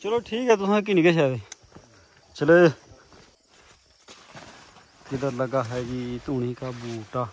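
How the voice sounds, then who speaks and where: A man chats loosely to his viewers, recorded outdoors on farmland. His pitch sits in an ordinary middle range for a man. He wanders from point to point, often circling back through the same filler phrases. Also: slow pace, long pauses, a little hiss or hum. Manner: rambling, chatty, leans on filler phrases. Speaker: vlogger. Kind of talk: casual vlog chat while doing garden work.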